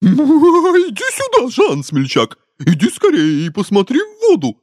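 A man's voice: very high-pitched, huge pitch swings, measured pace, no echo, studio quality, pitched above the performer's own voice, exaggerated voice. A man voicing an old talking horse that speaks to its rider in a friendly, confiding way. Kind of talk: storybook reading.

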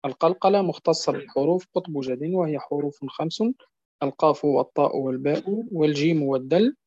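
A man teaching a Quran recitation lesson, repeating each point and often asking whether it is clear. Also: a little high, warm tone. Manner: drills words slowly, stretching them out. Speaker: tajweed teacher. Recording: dull lo-fi recording.

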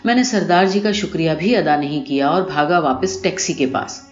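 An audiobook narrator with a lowish voice reads a short story aloud in an expressive, scripted style. The recording is muffled and roomy, with music playing behind her.

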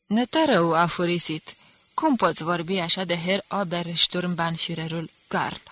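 A woman's voice: fairly low pitch, pushed and bright, dry recording. A woman reading the part of a menacing male undercover agent who talks in an ironic, threatening way. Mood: indignant.

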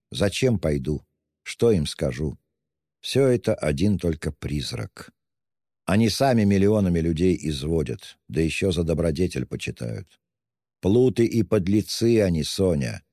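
A tormented young killer, brooding, very deep, dark tone, read by a man; audiobook. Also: expressive, unhurried, dry recording, clean studio sound, long reverb tail, heavily acted. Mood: gloomy. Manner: brooding, intense. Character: tormented young male murderer, feverish and brooding. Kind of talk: audiobook reading.

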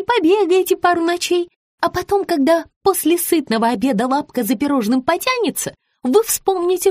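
A woman's voice: high voice, darkish tone, dry recording, studio quality, pitched above the performer's own voice. A woman voicing a fawning, flustered woman who coos sugary pet names and stammers in mumbled fillers. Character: fawning flustered middle-aged woman, wheedling.

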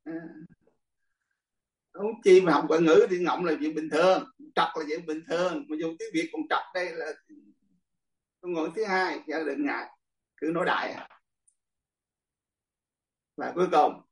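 A man's voice: on the high side, fairly even intonation, moderate pace, long pauses. An older man, a monk, teaching a class in casual, chatty talk, often laughing and speaking straight to his students. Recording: echoey room, far from the mic.

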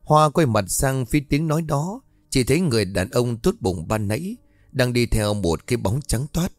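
Man narrating a story over soft music. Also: mid-range voice, very animated, moderate pace, no echo, studio quality.

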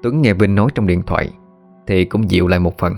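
Low-voiced man narrating a horror story. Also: gravelly. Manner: steady, measured storytelling. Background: faint background music.

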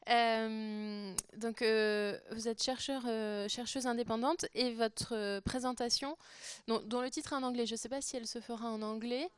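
Smooth-voiced French woman chairing a session. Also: fairly high pitch, steady tone. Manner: halting, with fillers. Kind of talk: introducing a speaker.

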